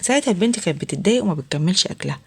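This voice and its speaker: Rapid husky Egyptian woman storyteller. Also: lowish voice, expressive. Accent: Egyptian Arabic. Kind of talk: first-person story narration.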